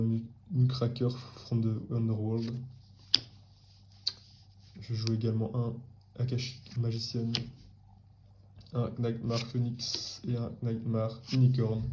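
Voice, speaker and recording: A man's voice: medium pitch, warm tone, muffled recording, a little hiss or hum. A man casually presenting his card game deck, hesitant with frequent fillers and slangy asides. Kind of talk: casual chat.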